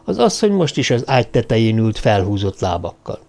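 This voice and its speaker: A man reading a novel aloud as audiobook narrator, in a measured way. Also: fairly low pitch, very animated, vocal fry, a little mellow. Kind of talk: scripted narration.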